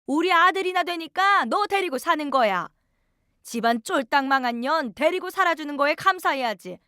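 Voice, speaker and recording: A woman's voice: high voice, animated, moderate pace, sharp tone, no room sound, studio quality, pitched above the performer's own voice. A woman voicing a scornful, nagging middle-aged mother-in-law who sneers and scolds.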